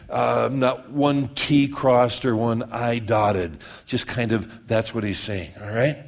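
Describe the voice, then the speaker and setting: A man giving a conversational sermon, often repeating and restarting words and checking that his listeners follow. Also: mid-range voice. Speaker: pastor.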